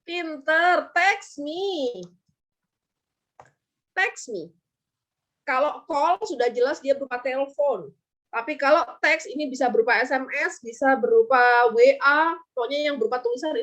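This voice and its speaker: A woman with an Indonesian accent teaches English vocabulary in an online class, her high-pitched, fairly bright voice moving a little slowly. She quizzes her students and acts out example lines.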